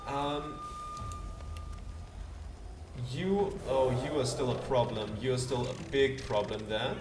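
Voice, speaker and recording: A male let's play host with an average-pitched voice gives casual game commentary. He thinks aloud and addresses the characters. He sounds distant from the mic in a roomy space, with loud music behind. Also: a little slow.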